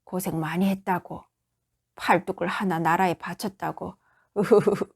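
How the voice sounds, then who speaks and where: Give me a woman playing a loud drunken father with a Gyeongsang accent, scolding at full volume. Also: on the low side, steady tone, moderate pace, vocal fry, husky. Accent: Gyeongsang dialect. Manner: shouting, slurred scolding. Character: drunk one-armed middle-aged father, loud and blustering.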